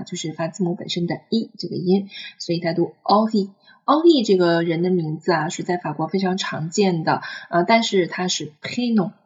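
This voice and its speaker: A woman's voice: lowish voice, a little mellow. A woman teaching a French picture-book lesson, patiently spelling out and repeating sounds. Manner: patient, drawn-out demonstration of sounds. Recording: slightly muffled recording.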